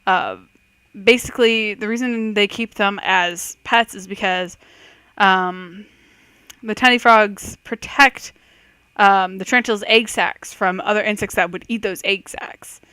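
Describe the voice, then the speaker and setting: A woman's voice: mid-range voice, steady tone, a little slow, bright, forceful tone, clean tone, dry recording. A woman giving casual, chatty commentary on a quiz game, reading questions aloud and reacting with self-doubting thoughts. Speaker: host of a let's-play quiz video.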